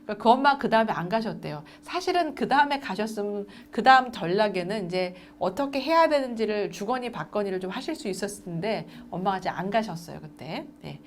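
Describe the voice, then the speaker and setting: A woman's voice: medium pitch, expressive, a little fast, few pauses, slight background noise. A middle-aged woman giving a lecture to adoptive parents, acting out little dialogues between parent and child as she explains.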